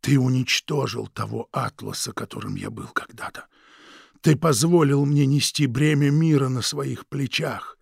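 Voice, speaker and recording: A man voicing a tired old man who answers his brother softly and sometimes in a whisper in an audiobook reading. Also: measured pace, gravelly, breathy edge, no room sound, clean studio sound, full character voice. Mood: pleading, reproachful. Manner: tired, low, half-whispered. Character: weary old man, worn out and quietly refusing.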